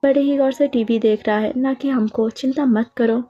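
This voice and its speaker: A woman's voice: high-pitched, steady tone, normal speed, dark tone. A woman voicing an affectionate father who teases his little son playfully. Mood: soothing. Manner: playful, teasing. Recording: dull lo-fi audio with faint music.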